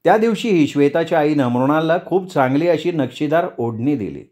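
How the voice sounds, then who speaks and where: A male storyteller reads a story aloud, measured and expressive. His voice sits slightly higher than most men's. The telling is calm and even-paced. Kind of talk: story reading.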